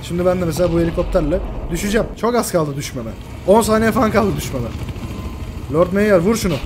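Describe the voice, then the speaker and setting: Excitable high-voiced man commentating a game. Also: quick pace, music in the background. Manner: excitable, swears and shouts at teammates. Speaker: gameplay commentator. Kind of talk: live gaming commentary.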